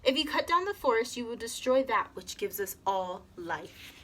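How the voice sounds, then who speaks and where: A woman's voice: fairly high pitch, very animated, moderate pace, a bit bright, pitched above the performer's own voice, poor audio. A woman voicing an earnest storybook porcupine, questioning and lecturing emphatically. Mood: urgent. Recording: clear background noise.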